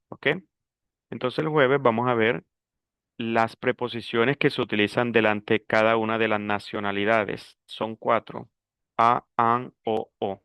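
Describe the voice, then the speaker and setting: Slow bilingual male teacher. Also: mid-range voice, a bit bright, clean tone, no echo. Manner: slow, explains in Spanish mixing French words. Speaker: French teacher. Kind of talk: online language class.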